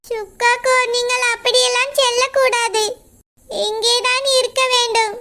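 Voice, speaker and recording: A woman plays a sweet young cartoon bride with a very high voice, speaking in careful, formal phrases over a noisy track. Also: level tone, normal speed. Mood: gentle. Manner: formal, soft-spoken.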